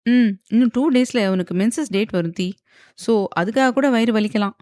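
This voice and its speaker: A man's voice: extremely high pitch, normal speed, darkish tone, no echo, voice pushed up. Woman doing a wry, teasing husband in an audio romance, offhand, dry close recording. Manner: mocking, offhand.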